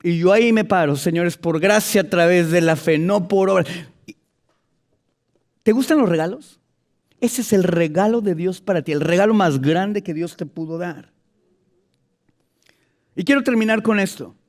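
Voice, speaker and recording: A man preaching a sermon to a congregation, telling stories lively and moving between quiet asides and loud emphatic passages. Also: high-pitched, normal speed, long pauses. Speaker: pastor.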